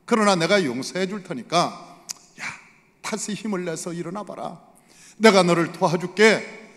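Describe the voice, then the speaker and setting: God speaking as a tender, encouraging father, as a male preacher voices him. The voice is fairly high and bright, with gentle warmth in its manner. A long church reverb hangs behind every phrase. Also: moderate pace.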